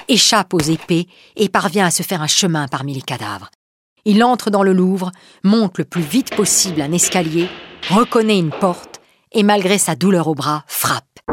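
A woman narrating a storybook with an expressive reading. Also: lowish voice, slight background noise. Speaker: audiobook narrator.

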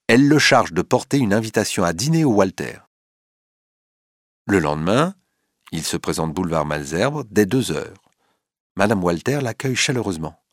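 Man, narrator, storybook reading, animated pitch, dry close recording. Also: no echo. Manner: expressive, dramatic reading.

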